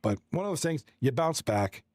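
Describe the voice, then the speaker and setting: A man's voice: a little high, sing-song, moderate pace, a little mellow, dry recording, clean studio sound. A man from Toronto, an esports hockey commentator chatting casually on a livestream, friendly and rambling, reading the chat and running through stats. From Toronto, Canada. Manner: rambling, friendly, reads chat aloud and runs through stats with many restarts.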